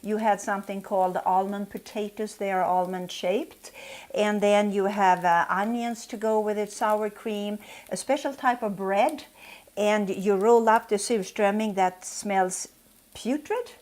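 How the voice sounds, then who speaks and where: A woman with a Swedish accent, a mother from Sweden, chatting casually while cooking in her home kitchen and pausing with "uh" as she explains things. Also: medium pitch, darkish tone. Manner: explains customs plainly, fills pauses with "uh". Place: home kitchen with food frying.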